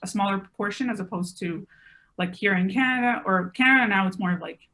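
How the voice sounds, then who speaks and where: A woman in her twenties, appearing as a podcast guest, talks fast in a medium-pitched, pushed, bright voice. She chats casually and rambles a bit, leaning heavily on filler words like "like."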